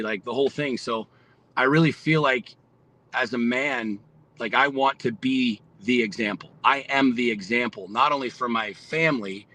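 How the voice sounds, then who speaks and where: A man's voice: medium pitch, sharp tone, rough recording. A man in his forties, a podcast guest, talking bluntly and with lots of profanity in a fired-up, motivational way. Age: 40s. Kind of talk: casual podcast conversation.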